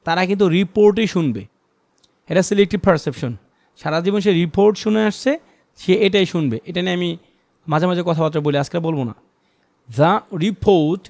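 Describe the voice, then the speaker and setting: A male teacher with a Bangladeshi accent, explaining to a class and reading English phrases word by word with pauses. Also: a little high, darkish tone, no room sound.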